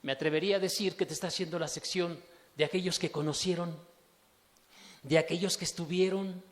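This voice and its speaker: Guy preaching in church, goes quiet then loud, lots of questions, echoey hall. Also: fairly high pitch, fairly even intonation, brisk. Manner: emphatic preaching with rhetorical questions, swings from hushed to loud. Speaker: pastor. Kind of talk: sermon.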